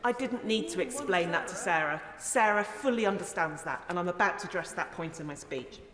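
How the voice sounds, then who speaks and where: A woman's voice: on the low side, brisk, a crowd in the background. A woman, a member of parliament, giving an earnest, emphatic and rhetorical speech in a formal parliamentary debate. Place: large indoor parliamentary chamber. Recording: echoey, reverberant debating chamber.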